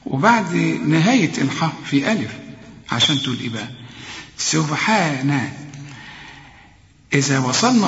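A man with an Egyptian Arabic accent teaching recitation rules, explaining patiently and chanting verse examples slowly. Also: fairly high pitch. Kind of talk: tajweed lesson with recited examples. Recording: echoey hall, dull lo-fi sound.

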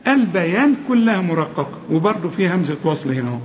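High-voiced Egyptian man teaching Quran recitation. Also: very animated. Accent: Egyptian Arabic. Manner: alternates slow melodic recitation with quick spoken correction. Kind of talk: tajweed lesson, reciting and explaining. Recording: dull lo-fi audio with long reverb.

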